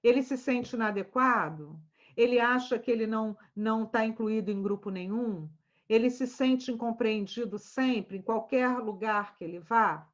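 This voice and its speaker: Lively Rio woman lecturing, slightly high voice. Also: normal speed, lo-fi sound. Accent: Rio de Janeiro Portuguese. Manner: lively storytelling, rhetorical questions. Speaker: schema therapy teacher. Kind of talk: casual online lecture.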